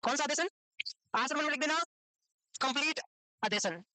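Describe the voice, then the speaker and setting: A woman's voice: high voice, expressive, normal speed, bright, forceful tone, no room sound. A woman teaching a nursing exam class in a classroom, quizzing her students and scolding them for not knowing the answers. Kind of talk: classroom lecture.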